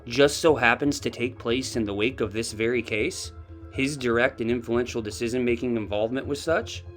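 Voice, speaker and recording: A man's voice: medium pitch, normal speed, fairly bright tone, faint music behind. A man delivering scripted true crime commentary, pressing skeptical questions with pointed emphasis.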